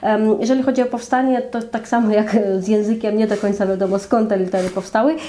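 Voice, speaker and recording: Seated in a small room before a flag, a young woman from Georgia appears as a guest to talk about her native language. Her Georgian-accented voice is mid-range and warm, moving quickly with little change in pitch, and she's thoughtful, using plenty of fillers.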